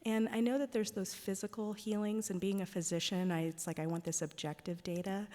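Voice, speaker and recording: A woman's voice: medium pitch, steady tone, brisk, a little mellow. A woman speaking at a parish event, telling stories in a chatty way full of "like" and "um". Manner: chatty, with many "like" and "um" fillers. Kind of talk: casual storytelling talk. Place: church. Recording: long reverb of a large hall.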